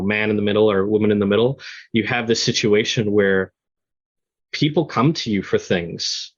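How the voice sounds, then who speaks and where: A man speaking as an interview guest, explaining his software product in a conversational, explanatory way. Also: lowish voice, highs cut off.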